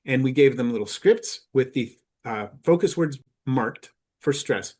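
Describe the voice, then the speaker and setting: A man presenting at a teachers' conference in a mid-pitched voice. He explains carefully and unhurriedly, pausing on "uh" and restarting phrases as he walks through his examples. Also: expressive, a little mellow. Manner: measured, explanatory, with frequent "uh" fillers.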